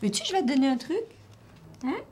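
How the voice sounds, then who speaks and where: A woman's voice: high voice, big pitch swings, quick pace, dark tone, slight background noise. A woman teacher, patiently questioning and encouraging a child during a one-on-one reading assessment.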